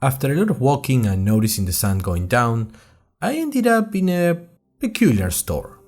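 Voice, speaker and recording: In a mid-range, sing-song voice with a darkish tone and normal speed, a man plays an earnest young college student hosting an audio drama diary. His scripted first-person narration is chatty, wry, and conversational, addressed directly to listeners.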